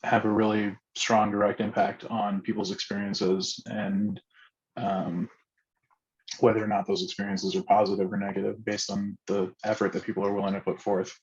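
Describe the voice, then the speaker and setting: A man leads an online class discussion over a video call, hesitating often and filling gaps with soft filler sounds. His voice sits low and barely moves in pitch. The call audio is muffled and dull. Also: little pitch movement, moderate pace, slightly rough. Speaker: sociologist facilitator.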